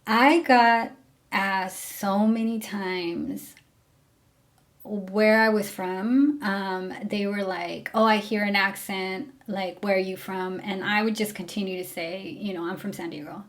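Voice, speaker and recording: She's a young Mexican former rideshare driver, talking openly to the camera about her driving days in a relaxed, filler-heavy way. Her mid-range voice stays steady and slow.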